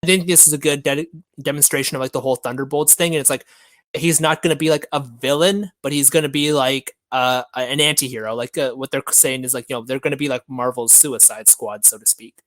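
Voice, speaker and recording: Fast-talking man in casual podcast chat. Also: medium pitch, fairly even intonation, fairly bright tone, no room sound. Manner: quick, hedging with "like" and "I think". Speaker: podcast co-host. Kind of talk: casual fan discussion.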